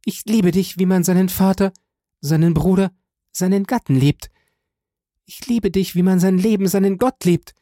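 A man's voice: sits high, normal speed, mellow, no echo, clean studio sound, pitched above the performer's own voice, natural voice. A man reading aloud voices a devoted young woman who speaks in a tender, pleading, tearful way. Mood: imploring.

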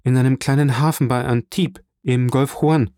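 A man's voice: mid-range voice, fairly even intonation, moderate pace, mellow, dry recording, clean studio sound, voice pushed up, lightly acted. A man voicing a distraught police minister in an audiobook reading, anxious and apologetic.

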